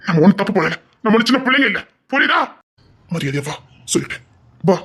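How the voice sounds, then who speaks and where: An actor with a Tirunelveli Tamil accent playing a desperate young man who pleads with his lover, swinging from hushed pleas to shouting. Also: sits high, sing-song, quick pace, husky, exaggerated voice. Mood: pleading. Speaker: actor in a romance drama. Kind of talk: emotional drama acting.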